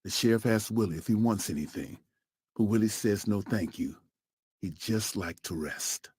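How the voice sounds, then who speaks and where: A man narrating a true story in a scripted, dramatic storytelling style, slowing down for emphatic pauses. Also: fairly low pitch, a little mellow, husky, dry recording.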